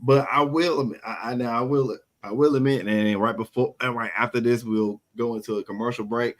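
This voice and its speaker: Halting man co-hosting a wrestling show. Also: medium pitch, fairly even intonation, rough recording. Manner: halting, repeats words often. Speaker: podcast co-host. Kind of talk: casual wrestling review chat.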